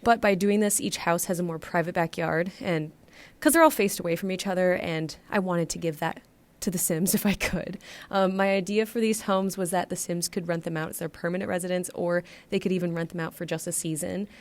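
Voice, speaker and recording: Stuffy-nosed American woman, slightly low voice. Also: fairly even intonation, brisk. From United States. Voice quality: congested, blocked-nose nasal sound. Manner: chatty, rambling. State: getting over bronchitis, stuffed nose, short of breath. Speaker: gaming video creator. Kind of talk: casual scripted-loose voiceover commentary.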